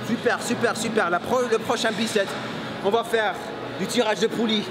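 A man's voice: sits high, normal speed, music in the background. A middle-aged man hosting a gym training vlog, coaching energetically and pushing his partner through sets. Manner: energetic, pushes with repeated "come on". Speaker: bodybuilding coach and channel host. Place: large busy indoor gym. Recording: echoey gym with loud background noise.

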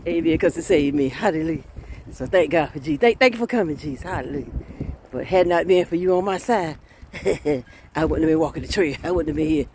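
A woman, preaching a sermon in a lively folksy way and laughing often. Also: low voice, quick pace, slight background noise.

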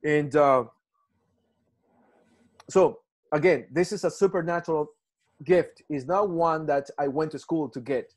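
A man's voice: a little high, measured pace, pauses often. A man from Ecuador with a Spanish accent, teaching a Bible class on a video call, earnest and full of restarts. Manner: earnest, repetitive, frequent restarts and "right?" checks.

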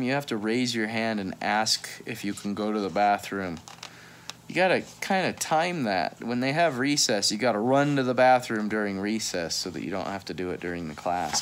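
With a lowish voice and slight background noise, a man in his thirties reads a picture book for kids on a couch in a small room at home. He keeps it playful and chatty, often breaking off for asides.

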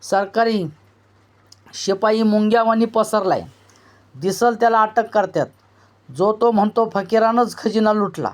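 A man's voice: sits high, fairly even intonation, a little slow, pauses often. A man voicing Ghamandi, an anxious village messenger. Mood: worried. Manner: rustic village dialect. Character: anxious village man bringing bad news.

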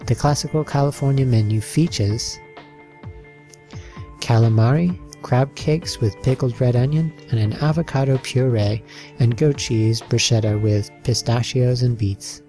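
A man reads a slideshow narration at a middle pitch. His tone is warm and mellow, and his delivery is an even, listing read with the occasional slip. Soft background music plays underneath. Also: measured pace.

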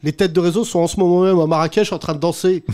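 A man co-hosting a casual chat, cutting in with quick teasing jokes. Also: high voice, fairly even intonation, mellow. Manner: teasing, quick joking interjections.

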